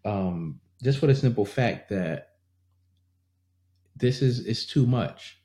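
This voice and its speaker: A man's voice: on the low side, animated, slow, warm tone, echoey room. A man talking straight to his viewers in a casual, earnest way, growing indignant and repeating himself as he reacts. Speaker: vlogger. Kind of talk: casual commentary to camera.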